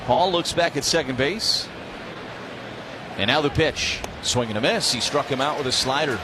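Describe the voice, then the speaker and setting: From a stadium booth mid-game, an American man calls the baseball action live for radio. He's animated, medium-pitched and talks at normal speed, while the crowd and the ballpark's atmosphere stay clearly audible.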